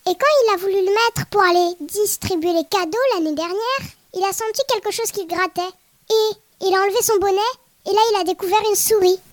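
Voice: very high-pitched, fairly quick. A very young-sounding performer playing a small mischievous Christmas elf in a children's podcast, talking in a simple, childlike way. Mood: mischievous, proud. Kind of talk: playful children's podcast role-play.

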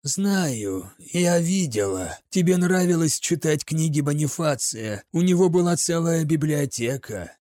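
A man voicing an eerie young witch girl in a dry, slow whisper. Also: fairly high pitch, expressive, dark tone, dry recording.

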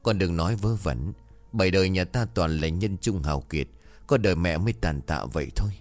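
Man reading stern sorceress mother, scolding and dismissive, deep voice, soft music under. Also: a little fast, no room sound, close to an everyday voice. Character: stern, scheming middle-aged mother, sorceress.

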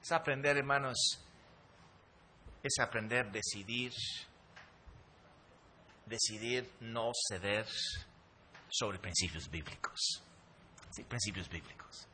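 A man's voice: lowish voice, slow pace, long pauses, sharp tone, a little hiss or hum. A middle-aged man, preaching a sermon emphatically with frequent hesitations. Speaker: pastor.

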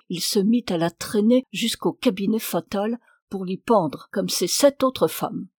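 Femme qui lit un conte. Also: female voice, mid-range voice, darkish tone, breathy edge, no echo, clean studio sound. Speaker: audiobook reader. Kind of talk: reading a folk tale aloud.

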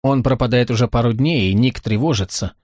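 A man's voice: mid-range voice, a little fast, a little mellow, no echo, lightly acted. A male reader puts on an apologetic neighbor mother in an audiobook. She is fussy and hesitant, politely excusing herself. The sound is close and dry.

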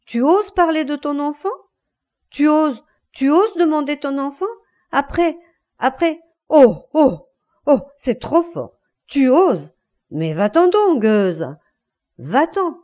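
A woman voicing a furious betrayed husband who stammers and shouts. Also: sits high, very animated, slow pace, voice pushed up, full character voice. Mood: enraged.

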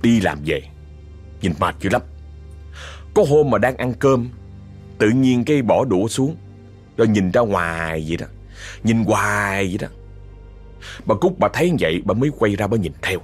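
A man's voice: on the low side, expressive, moderate pace, long pauses, husky, faint music behind. A man with a Southern Vietnamese accent telling a ghost story in a chatty way, often speaking straight to his listeners. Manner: chatty, addresses listeners directly. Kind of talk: told horror story.

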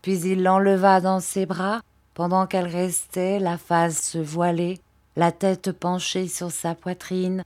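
A woman narrating a classic novel as an audiobook, in a measured and expressive way. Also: on the low side.

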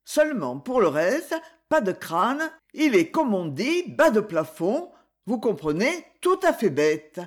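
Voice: mid-range voice, sing-song, takes it slowly. A reader voicing a cornered, grumbling male crook in an audiobook, hesitant and surly.

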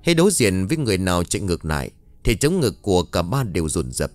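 A man narrating an audiobook in an expressive storytelling way. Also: low voice, quick pace, no echo. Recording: faint background music, dry studio.

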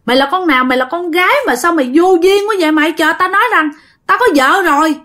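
A woman with a Southern Vietnamese accent voicing a frightened, drunk father who yells fast and exasperated at a ghost. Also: very high-pitched, voice pushed up. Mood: furious. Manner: yelling, rapid, exasperated.

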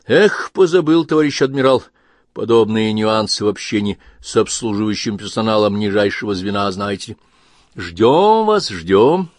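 A man's voice: fairly low pitch, expressive, moderate pace, no room sound, studio quality, close to an everyday voice. A man voicing a gushing, obsequious middle-aged hotel porter in an audiobook reading. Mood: fawning.

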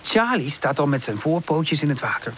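A woman reading a children's audiobook aloud, calm and gentle. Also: low voice, normal speed, slight background noise. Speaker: audiobook narrator.

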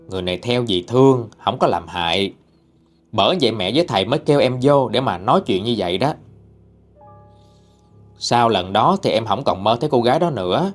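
A man with a Southern Vietnamese accent who narrates listener-sent ghost stories in a chatty, colloquial way. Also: medium pitch. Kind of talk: spoken ghost story narration. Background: faint music.

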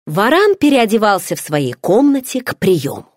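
A woman narrating a first-person story as an audiobook, voicing the dialogue with lively shifts in pitch. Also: normal speed, no echo, clean studio sound.

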